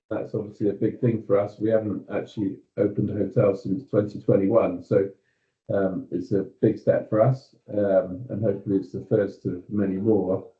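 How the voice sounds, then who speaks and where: A British man, a company executive, giving a staff meeting update on a video call, measured, with frequent ums and you-knows. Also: fairly low pitch, echoey room, muffled recording.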